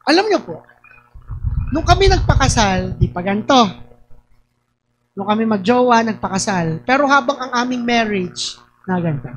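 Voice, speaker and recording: Lively Batangas woman preaching. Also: a little high, normal speed, long pauses, poor audio. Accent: Batangas Tagalog. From Batangas, Philippines. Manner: lively storytelling, often raises her voice in acted quotes. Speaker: pastor. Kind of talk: sermon.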